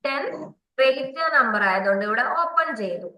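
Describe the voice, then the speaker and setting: A woman's voice: high voice, lively intonation, moderate pace, reverberant, dull audio. A woman from Kerala teaching a kindergarten maths class online, patiently coaxing and repeating questions for the children.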